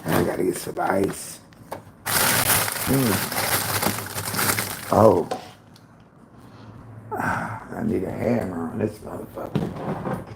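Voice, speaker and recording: A man in his fifties hosting a casual livestream from home, gossiping with viewers in an animated, profane way. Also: sits low, drawn-out words, creaky, long pauses, very noisy. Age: 50s. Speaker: livestream host. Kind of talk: casual live-stream chat.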